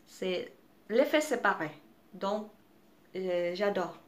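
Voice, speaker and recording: A woman's voice: medium pitch, animated, slow. A young woman, not a native French speaker, reviewing makeup in a casual vlog, hesitant, with many fillers and restarts. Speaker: beauty vlogger.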